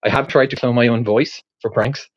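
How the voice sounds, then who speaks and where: The recording is muffled with no room sound as an Irish podcast host, his mid-range voice steady and moderately paced, works through a question. His casual monologue rambles as he thinks aloud, packed with ums, fillers, and restarts.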